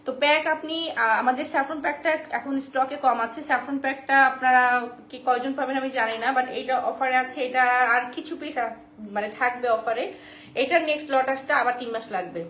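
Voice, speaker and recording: A high-pitched woman runs a live-stream sales pitch, chatty and repeating every price and offer. Her voice rings around a roomy, echoey space. Faint noise hums behind her. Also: steady tone, quick pace, fairly bright tone. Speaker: online shop seller.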